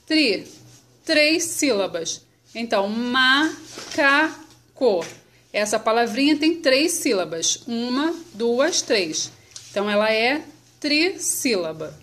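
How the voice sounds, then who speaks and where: A woman teaching children about syllables, patient and clear, sounding words out slowly. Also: high voice, fairly bright tone. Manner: slow, patient, spells syllables out.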